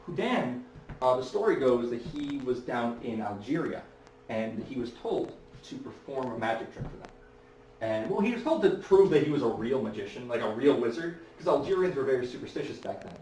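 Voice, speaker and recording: A man's voice: medium pitch, big pitch swings, brisk, a little mellow, slight background noise. A man performing as a stage magician at a fair, telling stories in a chatty way with many fillers and restarts. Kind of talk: live storytelling performance. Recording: echoey, distant mic, faint ambience.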